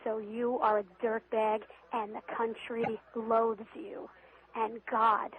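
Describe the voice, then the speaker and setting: A woman scolds on an answering machine message, slow and coldly measured. Her raised voice stays flat in tone, squeezed through a tinny phone line. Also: fairly high pitch. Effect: answering machine voicemail over a phone line. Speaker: caller leaving a voicemail.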